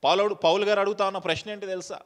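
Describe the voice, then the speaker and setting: A man's voice: high voice, steady tone, racing. A male pastor giving a sermon, firing rhetorical questions at the congregation and dropping English phrases into his preaching.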